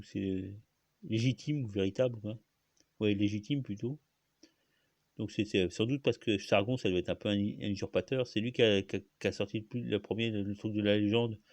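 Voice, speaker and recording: A man with a fairly low voice talks alone about where words come from. He hesitates and restarts often and stops to cough. The sound is dry and close, with little room echo. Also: darkish tone. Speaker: host. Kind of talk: rambling solo talk on language.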